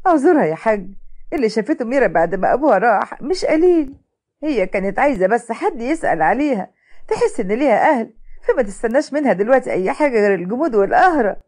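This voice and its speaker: An anxious middle-aged mother , voiced by a woman, pleads in a quick, Egyptian-accented voice. Her tone stays high and lively. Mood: pleading.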